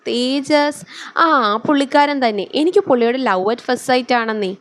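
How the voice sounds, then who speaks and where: A woman voicing a lively young woman, a playful best friend, in a storybook reading. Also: sits high, unhurried, no echo. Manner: playful, bantering.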